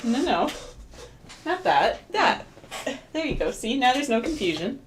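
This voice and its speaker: Teasing woman, lively pitch. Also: unhurried, slight background noise. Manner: teasing, playful, bossy. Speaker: livestream co-host. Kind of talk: casual chat while puzzling.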